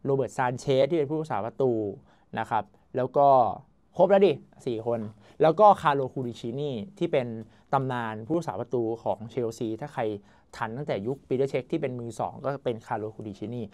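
A young man excitedly telling his friends' vlog story about a trip to a football club, casual and swearing lightly. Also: mid-range voice, brisk. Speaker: football vlogger.

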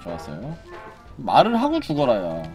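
A man streaming a horror game, joking and yelling loudly at what happens on screen. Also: mid-range voice, huge pitch swings, normal speed, gravelly, faint music behind. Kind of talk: excited gameplay commentary.

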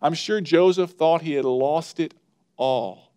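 A man's voice: fairly high pitch, slow pace, mellow, clear, resonant tone. A man preaching a sermon as pastor, earnest and conversational, building emphasis as he makes his points.

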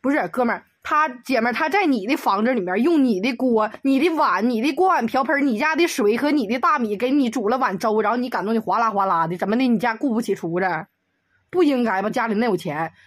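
Woman commentator, comedic exasperated rant, slightly high voice, dry close sound. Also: lively intonation, no echo. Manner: exasperated, rapid rhetorical questions. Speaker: video commentator.

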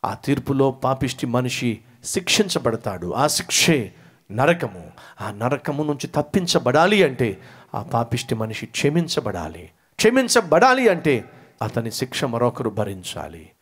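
Animated male preacher. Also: a little slow, breathy edge. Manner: animated, acts out dialogue with rising emphatic pitch. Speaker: pastor. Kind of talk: sermon with storytelling.

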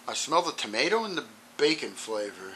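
A man with clogged sinuses casually reviewing a hot sauce on his channel, rambling with ums and clearing his throat often. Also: medium pitch, sing-song, brisk, sharp tone, slight background noise, poor audio.

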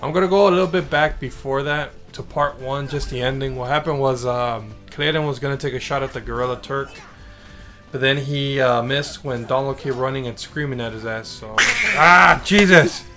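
A man's voice: medium pitch, fairly even intonation, brisk, over music. Tired, profane male gameplay commentator. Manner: rambling, profane, joking. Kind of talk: casual let's-play recap.

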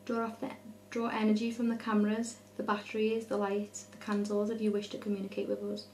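Even-toned young woman leading a séance. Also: brisk, roomy sound, rough recording. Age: 20s. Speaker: leader of a spirit board session. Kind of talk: solemn séance questioning in a vlog. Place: dim indoor room at night. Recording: low hum, faint noise.

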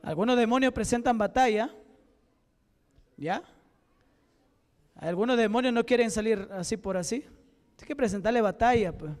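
A Peruvian deacon with a Peruvian Spanish accent leads a deliverance prayer in a church service. His man's voice sits unusually high and rings out smooth and clear. He hammers out fervent, repeated commands, often near a shout. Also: normal speed, pauses often, long reverb tail. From Peru.

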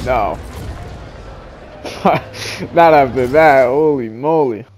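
A young man casually commentating his own video game fight, excitable and loud in his reactions. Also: medium pitch, drawn-out words, a little hiss or hum. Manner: excitable, shouting reactions and laughter. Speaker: gaming video host. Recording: game music and crowd underneath. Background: game music and arena crowd.

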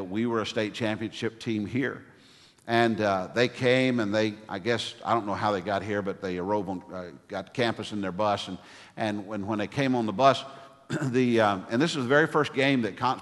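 Middle-aged preacher in a reverberant church. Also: male voice, on the low side. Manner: earnest preaching with storytelling asides. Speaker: pastor. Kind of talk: sermon. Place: church sanctuary stage at a wooden pulpit. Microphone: pulpit microphone. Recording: long church hall reverb.

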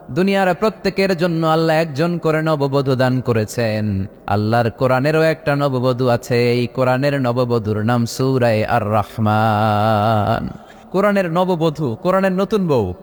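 A man preaching a sermon to a gathering, calling on the crowd to answer aloud and chanting verses in a melodic tone. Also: fairly high pitch. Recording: long hall reverb, faint background noise.

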